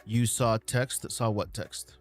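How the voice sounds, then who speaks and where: A man hosting a casual live stream, answering viewer questions in a relaxed way with many ums and uhs. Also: fairly low pitch, takes it slowly, faint music behind.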